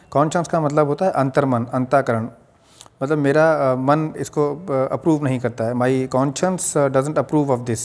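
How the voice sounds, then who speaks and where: A man's voice: mid-range voice, a little mellow. Indian man teaching English pronunciation. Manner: patient, explains slowly, spells words letter by letter. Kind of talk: Hindi-language pronunciation lesson.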